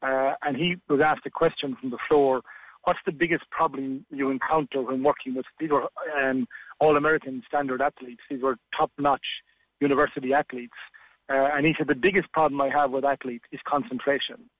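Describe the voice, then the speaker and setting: A man's voice: mid-range voice, fairly even intonation, a little fast, a bit bright, dry recording, muffled recording. Frank, rambling man on a radio line. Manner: frank, discursive, with frequent fillers and restarts. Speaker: interview coach. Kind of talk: radio phone-in advice.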